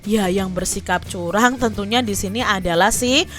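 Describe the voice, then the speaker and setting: A woman's voice: medium pitch, normal speed, soft background music. A woman teacher telling a fable to young children and explaining the lesson, often speaking to them directly. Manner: addresses children warmly as adik-adik. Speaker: primary school teacher.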